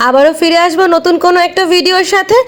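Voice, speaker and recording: A woman's voice: very high voice, rapid-fire. A woman narrating a casual day-out vlog, chatting straight to her viewers. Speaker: vlogger.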